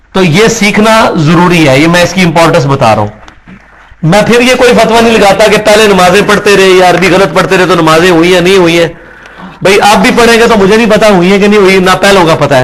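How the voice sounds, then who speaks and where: Man, religious teacher, classroom lecture, high voice, patient explaining, drops in English words. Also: fairly bright tone. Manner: explanatory, checks in with listeners; mixes English words into his speech.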